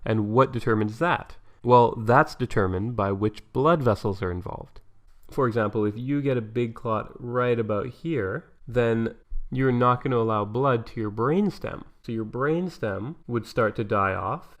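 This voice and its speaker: A man narrating an explanatory medical lesson in a conversational way, asking and answering his own questions. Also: lowish voice.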